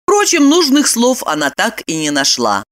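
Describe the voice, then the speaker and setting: A woman narrating an audiobook in an expressive storytelling voice. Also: low voice, normal speed. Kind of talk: scripted narration.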